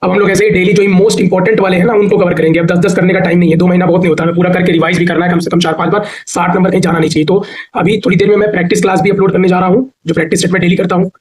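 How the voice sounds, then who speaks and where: A man's voice: sits high, little pitch movement, very fast, a crowd in the background, low-quality recording. A man teaching a grammar and spelling class, asking a question and answering it himself, repeating each answer and stretching words out to show the spelling. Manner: repetitive drilling question-and-answer. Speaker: Hindi teacher. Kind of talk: online exam-prep lesson.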